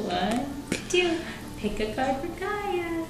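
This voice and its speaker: A woman playing a board game with her small child at home, praising and guiding them in a slow, sing-song way. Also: very high-pitched, echoey room. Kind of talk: patient, encouraging talk to a toddler.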